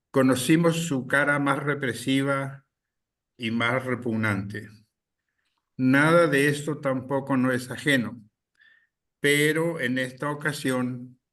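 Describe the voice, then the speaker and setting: Slow, measured man from Chile. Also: medium pitch, fairly bright tone, distant mic. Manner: measured, many pauses and fillers. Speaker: guest speaker. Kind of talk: slow deliberate political talk.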